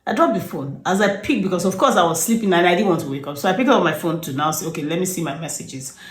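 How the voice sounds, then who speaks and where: A woman, a herbalist, telling stories calmly with a lot of "you know". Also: lowish voice, fast. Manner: calm, rambling storyteller with frequent "you know". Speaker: herbalist and nutritionist. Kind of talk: storytelling in an interview. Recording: echoey room.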